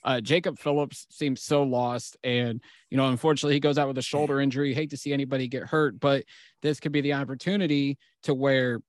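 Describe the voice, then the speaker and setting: Male co-host, calm analysis, dry close sound. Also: mid-range voice, fast talker, dry recording. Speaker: podcast co-host. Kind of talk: casual sports chat.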